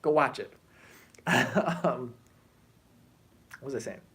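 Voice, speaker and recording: A man vlogging in a casual, animated way, chatting and drifting between tangents. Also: mid-range voice, slow pace, slightly rough. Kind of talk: casual chat to camera.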